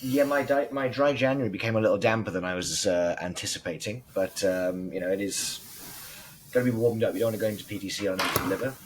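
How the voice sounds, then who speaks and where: A hoarse man co-hosting a casual industry podcast, chatty and loose, swearing now and then. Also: on the low side, fairly even intonation, fast talker, a little hiss or hum, rough recording. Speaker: podcast co-host.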